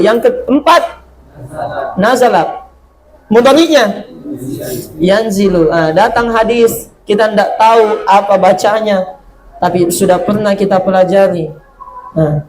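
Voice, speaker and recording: A man teaches an Arabic grammar class. He talks slowly, drawing out each Arabic word, and asks questions he then answers himself. A faint hiss sits under the recording. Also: sits high, poor audio. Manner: drills verb patterns, asks and answers his own questions; slow, drawn-out reading of Arabic words. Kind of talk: classroom lesson.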